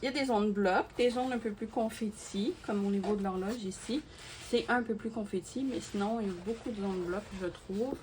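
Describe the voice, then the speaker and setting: A woman's voice: mid-range voice, a little fast. A woman, a crafting YouTuber, chatting casually to her viewers while unboxing and gushing with many fillers and repeated words. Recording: steady background noise with clicks.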